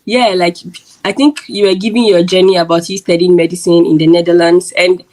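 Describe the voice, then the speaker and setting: A woman's voice: on the low side, steady tone, fairly quick, darkish tone, rough recording. A woman from Ghana hosting her channel, chatty and filling her talk with "like". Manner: chatty, uses lots of "like". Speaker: YouTube host and interviewer. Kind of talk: casual interview chat.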